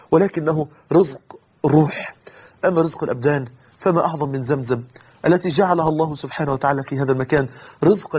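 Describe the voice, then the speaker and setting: A man's voice: sits high, slightly rough. A man with an Egyptian Arabic accent preaching a sermon, emotional and earnest, swearing oaths and rising into impassioned pleas.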